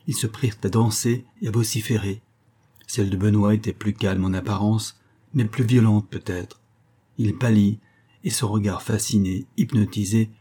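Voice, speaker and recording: A man reading a novel aloud as an audiobook narrator, with measured, dramatic storytelling. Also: lowish voice, dark tone, breathy edge. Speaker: audiobook reader.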